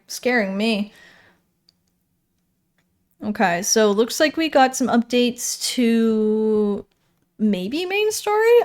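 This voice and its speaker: A woman streamer with a medium-pitched, somewhat dark voice chats casually as she reads through game patch notes. She rambles, thinks aloud, and corrects herself along the way.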